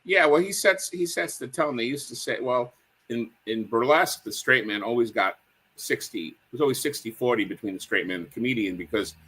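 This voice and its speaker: This fairly quick, slightly rough mid-range male voice belongs to a chat show guest. In casual conversation he animatedly tells stories from comedy history and acts out the quotes.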